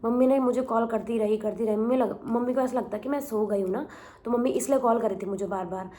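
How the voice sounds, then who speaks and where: Young woman vlogger, mellow low-brightness voice, chatty storyteller who rambles and repeats. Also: quick pace. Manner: rambling, repeats herself, mixes in English words. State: recovering from illness. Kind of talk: casual storytelling vlog.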